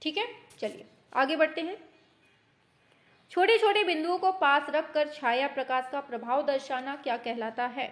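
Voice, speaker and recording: A woman teacher running a quick quiz lesson, brisk and teasing, scolding her students in mock anger as if they were children. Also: high voice. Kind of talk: online exam-prep quiz lesson.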